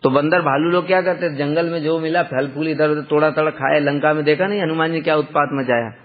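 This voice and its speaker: A man telling a devotional story in a lively, conversational way, often asking the listeners rhetorical questions. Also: a little high, fast talker. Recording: dull lo-fi sound with long hall reverb.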